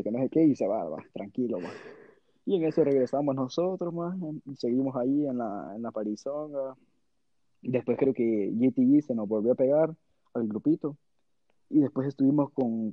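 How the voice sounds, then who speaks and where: A young man telling a party story in a casual chat, slangy and animated, breaking into laughter. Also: mid-range voice, no room sound, dull audio.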